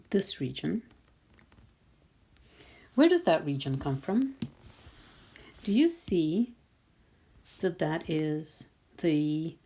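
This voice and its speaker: A woman's voice: fairly low pitch, mellow, a little hiss or hum. A woman math teacher talking patiently through a screen-recorded lesson, thinking aloud as she draws. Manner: slow, patient, thinking aloud while drawing.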